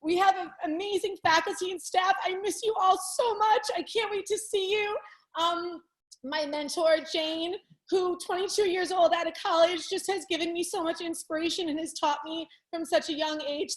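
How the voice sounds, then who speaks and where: A woman with a very high voice delivers an award acceptance speech over a video call. She is an elementary teacher, gushing with thanks and emotional throughout. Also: rough recording.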